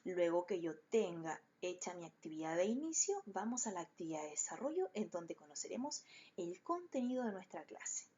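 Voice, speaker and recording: A woman's voice: fairly low pitch, sing-song, moderate pace, dark tone, dull audio, slight background noise. A woman teacher explaining a lesson patiently, step by step, to schoolchildren. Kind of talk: recorded online class.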